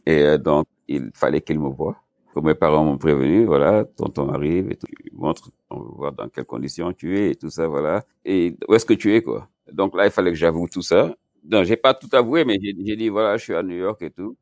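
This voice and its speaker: A middle-aged man from Senegal, a chef, telling his story in a relaxed interview with frequent laughs and fillers. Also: a bass voice, fairly quick, no echo, studio quality. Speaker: chef, podcast guest.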